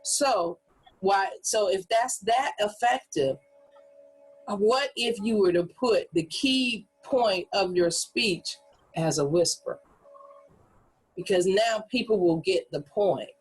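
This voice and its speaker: A woman coaches presenters at a training workshop, speaking casually and demonstrating delivery by acting out hype voices and whispers. Her medium-pitched voice is husky and unhurried, and the recording is rough.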